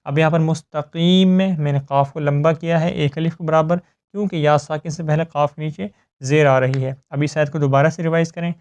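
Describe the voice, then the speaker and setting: Male tajweed tutor, clear resonant voice, slightly high, methodical and patient. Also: fairly even intonation, a little mellow. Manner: patient, explains step by step, checks with "ok?". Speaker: Quran recitation teacher. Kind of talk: tajweed lesson with slow recitation.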